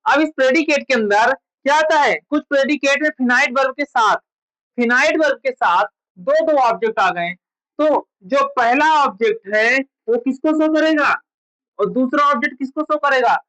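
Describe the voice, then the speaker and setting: A woman's voice: high voice, normal speed, a bit bright, rough recording. A woman teaching a grammar lesson, who keeps asking her students questions and answers them herself. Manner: quizzes students with repeated questions. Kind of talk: classroom lecture.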